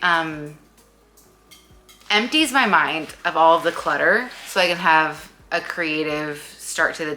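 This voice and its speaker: Chatty woman in her late thirties, bright tone. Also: low-pitched, slight background noise. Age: late 30s. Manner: chatty, rambling with many fillers. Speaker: vlogger. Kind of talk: casual chat. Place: at home.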